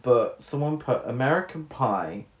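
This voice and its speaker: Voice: mid-range voice, expressive, unhurried, muffled recording. A podcast co-host chatting casually about a film, hesitant and musing. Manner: chatty, hesitant, fillers and restarts. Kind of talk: casual film review chat. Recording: roomy sound.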